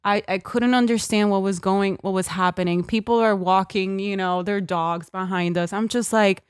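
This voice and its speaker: A woman's voice: mid-range voice, moderate pace, clean tone, no room sound, studio quality. A young woman from Puerto Rico, co-hosting a podcast, telling a story in casual chat and acting out other people's voices. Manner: animated storyteller, acts out voices. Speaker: podcast co-host.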